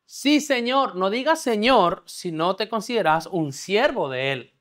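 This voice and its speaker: A man's voice: high voice, very animated, measured pace, fairly bright tone. A man preaching a discipleship sermon. He teaches a live congregation in church, keeps checking that they follow, and has them repeat words back to him. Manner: checks understanding, leads call-and-response. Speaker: pastor.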